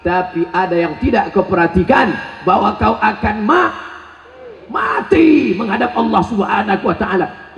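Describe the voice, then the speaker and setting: A high-pitched man preaches a joking, animated sermon, firing shouted questions at the crowd. His voice rings through an echoey hall on a dull, lo-fi recording with faint background noise. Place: large event hall.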